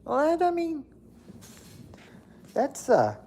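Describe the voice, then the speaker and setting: Reading viewer comments on his livestream, a man in his late thirties talks casually, rambling, repeating himself and leaning on fillers. His very high, dark-toned voice swings hugely in pitch and goes slowly, with slight background noise behind it.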